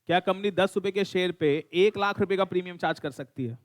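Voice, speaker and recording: A middle-aged Indian-accented man lecturing a classroom on law. His voice sits fairly high for a man. He mixes in English, fires questions at students and teases them. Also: fairly quick. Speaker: law teacher.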